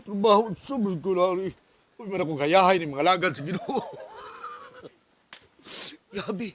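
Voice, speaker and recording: A male pastor from the Philippines preaching a sermon as an animated story, acting out dialogues. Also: high voice, a little slow, slight background noise.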